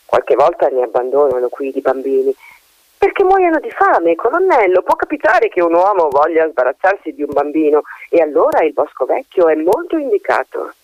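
Brief: gossipy she-magpie, a man doing her, high and sing-song, storybook, dull lo-fi recording. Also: wildly swooping pitch, normal speed, no room sound. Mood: sinister. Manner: talkative, insinuating. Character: chatty female magpie, gossipy and ominous. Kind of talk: storybook reading.

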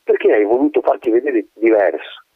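A man's voice: medium pitch, brisk, slightly rough, no room sound, pitched above the performer's own voice, natural voice. A man voicing the wind, a loyal old male spirit, in a radio drama reading, speaking in a pleading, tender and insistent way. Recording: tinny phone-like radio sound.

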